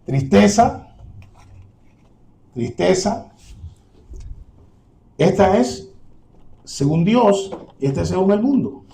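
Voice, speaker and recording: A man's voice: high-pitched, animated, takes it slowly, vocal fry, pauses often, mellow. A man preaching a sermon to his congregation, earnest and direct, repeating his key points.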